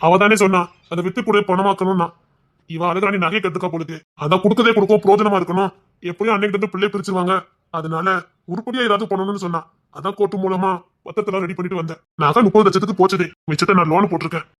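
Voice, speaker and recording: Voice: mid-range voice, steady tone, rapid-fire, natural voice. Someone voicing a blunt village elder brother with a Tirunelveli accent. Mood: explaining. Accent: Tirunelveli Tamil. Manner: blunt, commanding. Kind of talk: cartoon voice acting.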